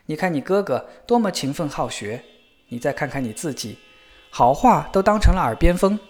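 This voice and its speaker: A man's voice: fairly high pitch, animated, normal speed, faint music behind, close to an everyday voice. A man doing a stern scolding father. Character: stern, exasperated middle-aged father.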